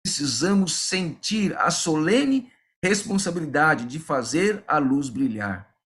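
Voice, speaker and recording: A man's voice: a little high, animated, slow pace, fairly bright tone. A man in his forties, a pastor, preaching earnestly and telling a personal story, repeating phrases and addressing listeners fondly.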